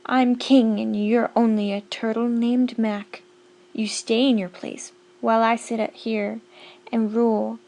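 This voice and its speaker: A blustering male turtle king from a storybook, bellowing commands and bragging about his throne. A woman acts him out with a slightly gravelly edge. He is bossy, loud and full of himself. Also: on the high side, measured pace.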